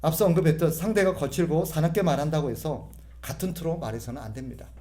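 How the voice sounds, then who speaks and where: A man's voice: fairly high pitch, quick pace, dark tone. A middle-aged male pastor giving a humorous sermon, imitating voices and having the congregation repeat phrases after him.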